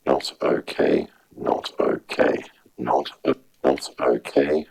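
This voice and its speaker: A man's voice clip, played back through music software with a frequency shifter that gives it a metallic, spiralling pitch. He repeats one short phrase over and over. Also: steady tone, slow, creaky, breathy edge. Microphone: sent-in voice clip played back through music software.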